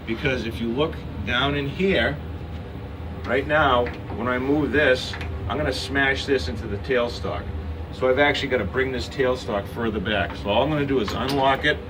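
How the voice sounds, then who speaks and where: Over the noisy hum of a machine shop, picked up by a distant mic, a man walks through a hands-on demonstration step by step. He's the instructor, speaking informally at a moderate pace in a medium-pitched voice.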